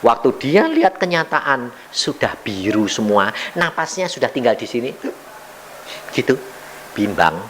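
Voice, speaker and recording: A man's voice: wildly swooping pitch, unhurried, a little hiss or hum. An older man preaching a sermon, telling a story and acting out its dialogue. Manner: storytelling with wide pitch swings and acted-out dialogue. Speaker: evangelist preacher.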